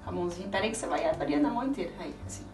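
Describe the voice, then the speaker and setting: Speaking very fast in a fairly low voice with lively intonation, a middle-aged woman, both cooking show host and aunt, coaxes a child through a casual cooking demonstration in her small home kitchen and explains the steps to viewers with chatty patience. A helper films from a few feet away, so the sound is roomy and distant, with music playing.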